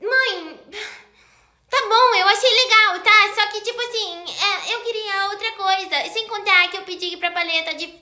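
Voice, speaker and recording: A woman's voice: very high voice, moderate pace, sharp tone, pitched above the performer's own voice, exaggerated voice. A woman voicing a spoiled, rude little girl who whines, taunts and sulks in a comedy sketch. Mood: sulky, pushy. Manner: whiny, taunting, sulky. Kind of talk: comedy sketch role-play.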